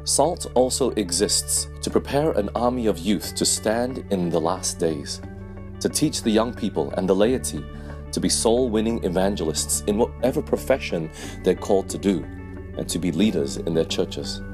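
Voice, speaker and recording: A man giving measured, scripted promotional narration that slows down for quotes. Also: deep voice, expressive. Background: guitar music.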